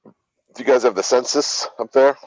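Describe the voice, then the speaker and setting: A man from Massachusetts, co-hosting a sports show over a video call with gruff, profane, sarcastic ribbing. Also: medium pitch, moderate pace, darkish tone, no echo. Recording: dull lo-fi video call audio.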